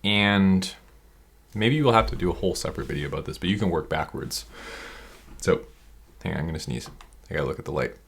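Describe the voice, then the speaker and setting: A man with an energetic, rambling manner, coaching online sellers through a screen-share tutorial. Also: sits low, fairly quick, creaky, long pauses, noisy background. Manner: energetic, rambling, self-interrupting.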